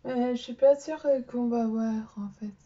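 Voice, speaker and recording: A woman's voice: a little high, steady tone, a little slow, warm tone, muffled recording. A young French-speaking woman presenting makeup in a casual vlog, hesitant with many fillers. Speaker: beauty vlogger. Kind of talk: casual show-and-tell vlog.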